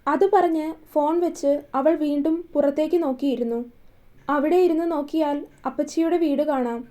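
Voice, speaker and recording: A woman storyteller narrating a romance serial in a calm, steady reading voice. Her pitch sits high while the tone stays soft and mellow. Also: moderate pace.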